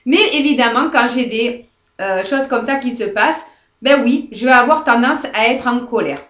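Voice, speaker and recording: Echoey French woman therapist, soft-spoken. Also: fairly high pitch, moderate pace. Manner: soft, repetitive, often checks with "d'accord?"; hesitant, many fillers and restarts. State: near tears. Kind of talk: live guided demonstration. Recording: echoey room.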